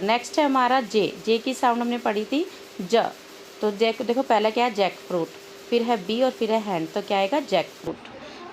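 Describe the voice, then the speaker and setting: A woman's voice: a little high, slight background noise. A woman teacher explaining a textbook lesson, asking questions and then answering them herself, with English words mixed into her Hindi.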